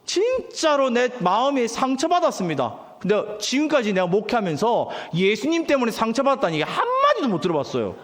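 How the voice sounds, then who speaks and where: A man's voice: very high voice, wildly swooping pitch, brisk, hardly any pauses. A man preaching as pastor to his congregation, delivering an emphatic sermon with questions that he has the crowd answer back. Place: church sanctuary. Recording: long hall reverb.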